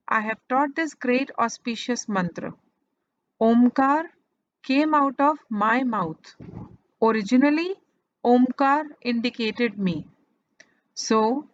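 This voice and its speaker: A woman, reading and retelling a religious scripture in a measured devotional narration with deliberate pauses. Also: on the high side, no echo, lo-fi sound. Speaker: scripture reader.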